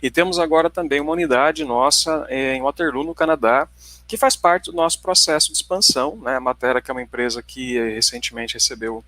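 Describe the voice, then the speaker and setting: Presenting his company in a tech webinar, a forty-something man speaks with a Paraná Brazilian Portuguese accent in a brisk, sharp, mid-range voice. The style is conversational, and he keeps checking in with the audience; there's no room sound in the recording.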